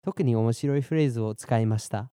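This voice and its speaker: In clean studio audio free of room sound, a mellow mid-range young man narrates a Japanese and English podcast lesson. He was born in Germany and raised in Boston, and he explains phrases clearly and at a measured pace, slowing down for repeat drills.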